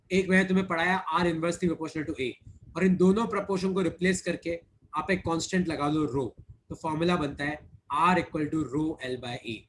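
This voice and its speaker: A man with a fairly high voice teaches physics in an online class. He talks in a chatty way, repeats key points and teases his students. A faint hiss sits under the recording. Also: a bit bright.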